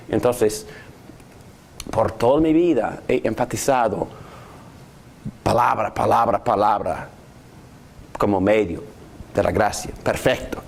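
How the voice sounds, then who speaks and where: A man's voice: fairly low pitch, creaky, breathy edge. A man teaching a Bible class on prayer, asking his students questions as he goes. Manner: animated, asks the class questions.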